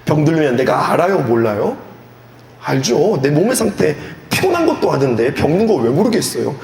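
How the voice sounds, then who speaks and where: Lively pastor preaching in an echoey hall. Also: male voice, fairly high pitch, normal speed. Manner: animated, asks the audience questions, acts out scenes. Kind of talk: sermon at a youth retreat. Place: church hall. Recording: echoey hall with faint background noise.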